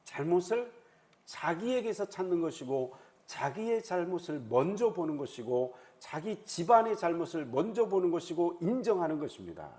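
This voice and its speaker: A male pastor preaching at an early morning prayer meeting in a high, lively voice that rises and falls widely. He keeps acting out what people in the story say. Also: moderate pace. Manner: animated, acts out quoted speech.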